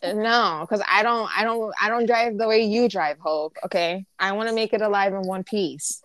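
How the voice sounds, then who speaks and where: A woman co-hosting a podcast in casual chat, telling stories in an animated, exasperated way. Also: medium pitch, moderate pace. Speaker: podcast co-host.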